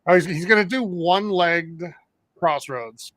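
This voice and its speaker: A man's voice: high-pitched, a little slow, fairly bright tone, no room sound. A man co-hosting a casual watch-along chat, talking loosely and trailing off into fillers. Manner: chatty, trails off mid-sentence with fillers. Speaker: co-host of a wrestling watch-along.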